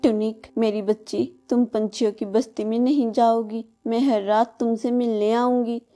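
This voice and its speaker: A woman doing a gentle, motherly bulbul bird. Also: on the high side, little pitch movement, normal speed, natural voice. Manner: gentle, caring. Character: kind adult bulbul bird, motherly and brave.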